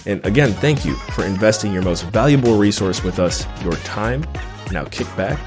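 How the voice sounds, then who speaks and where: A man reading a scripted podcast intro in a smooth, measured way. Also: fairly low pitch, animated. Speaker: announcer of a sponsor spot. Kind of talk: scripted ad read. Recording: music bed under the voice.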